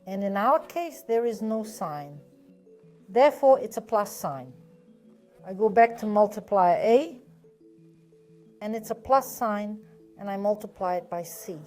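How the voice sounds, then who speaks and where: A woman with a medium-pitched, somewhat dark voice teaches a math lesson step by step, patiently and methodically, over soft background music. Her intonation is lively, her pace a little slow, and she pauses often, frequently posing a question and then answering it herself.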